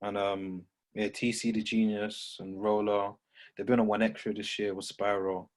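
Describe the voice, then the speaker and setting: A man's voice: fairly low pitch, flat delivery, normal speed. A man talking casually about music, opinionated and full of slang. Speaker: radio station operator on a podcast.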